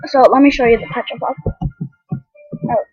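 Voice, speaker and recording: High, breathy girlish gamer voice. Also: fairly even intonation, moderate pace, a little mellow, no room sound, highs cut off, soft background music. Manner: rambling, many ums and restarts; eating while talking. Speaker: game vlogger. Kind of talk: casual gameplay commentary.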